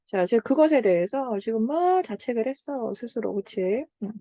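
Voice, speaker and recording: Woman tutor, higher voice, mellow tone, dry close sound, chatty explaining, checks in often. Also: moderate pace, dry recording. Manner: chatty, checks in with "right?" and "got it?"; retells story lines in a lively voice. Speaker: Korean literature tutor. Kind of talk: explaining exam answers.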